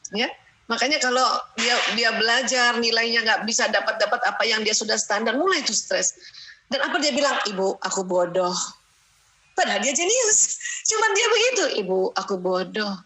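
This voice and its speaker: A middle-aged woman giving a lively talk on parenting, sharing family stories, laughing often and tagging her sentences with "ya". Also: a little high, fairly quick, low-quality recording. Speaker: parenting speaker. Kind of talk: lively lecture with family anecdotes.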